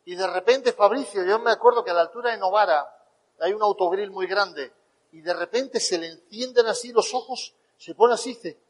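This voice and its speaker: A man with a Spain Spanish accent giving a motivational talk, telling animated stories and acting out the dialogue. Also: high voice, a little fast, in a large hall, poor audio. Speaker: motivational speaker.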